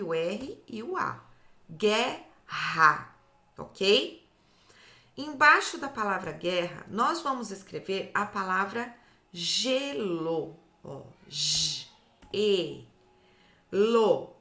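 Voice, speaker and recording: Brazilian woman, children's literacy teacher, slow deliberate delivery, echoey room. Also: mid-range voice, bright, forceful tone. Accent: Brazilian Portuguese. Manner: slow, drawn-out syllables, often ends with "tá?". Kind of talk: slow, clear phonics lesson for children.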